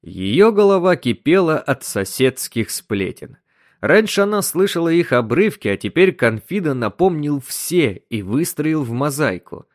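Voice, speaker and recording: A man narrating a short story in an expressive reading. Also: a little high, a little slow, no echo, clean studio sound.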